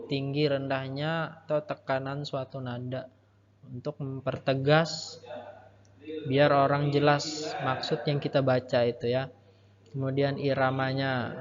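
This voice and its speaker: A man teaching a lesson, explaining step by step with patient repetition and a habit of ending phrases with a soft "ya". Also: on the high side. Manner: explains patiently, repeats key points, ends phrases with "ya". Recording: muffled, roomy with long reverb and crowd behind.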